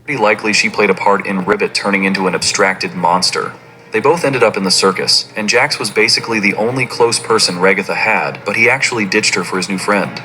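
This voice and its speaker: A man giving scripted narration of a fan theory in an even, explanatory way. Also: on the low side, fairly quick, poor audio.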